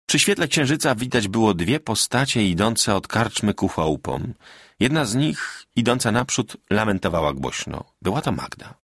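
Gravelly expressive male storyteller. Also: on the low side, moderate pace, no echo, studio quality. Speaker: audiobook narrator. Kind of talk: scripted literary narration.

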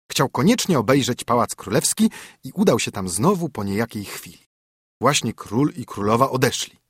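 A man narrating a fairy tale as an audiobook reader, in a lively storytelling manner. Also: mid-range voice, breathy edge, no echo, studio quality.

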